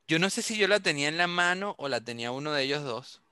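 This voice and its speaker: A young Venezuelan man tells a story in a casual online chat, slipping into other people's voices as he goes. His voice is bright and clear, a little higher than most men's. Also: lively intonation, fast, no room sound, studio quality.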